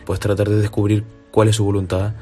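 Low flat voice of a young Canarian man. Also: a little fast. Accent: Canary Islands Spanish. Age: 20s. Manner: hesitant, many fillers. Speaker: seminarian. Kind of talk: testimony.

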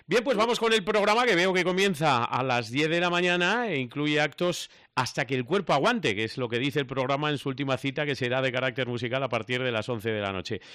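A man hosting a regional radio show, leading the interview with brisk, friendly questions. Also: medium pitch, fairly bright tone, no echo, studio quality. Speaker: radio host.

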